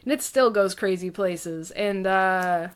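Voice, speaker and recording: A woman's voice: medium pitch, slow, smooth. Female podcast guest, casual and chatty, filler-heavy delivery. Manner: chatty, many fillers, laughs often. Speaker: podcast guest, dungeon master.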